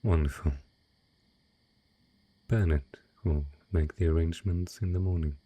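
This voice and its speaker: In an intimate romantic audio drama, a man with a very deep, dark, breathy voice speaks close to the mic as an ancient dragon posing as a wealthy patron. He stretches every formal phrase out slowly in velvety, seductive tones, sounding possessive but courtly, businesslike yet indulgent. There's no room sound at all.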